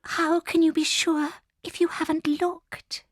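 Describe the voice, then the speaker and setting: A woman's voice: very high-pitched, flat delivery, unhurried, dry recording. An actress playing a frail, anxious, devoted mother fox in an audiobook drama, pleading and emotional. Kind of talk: audiobook radio-play acting.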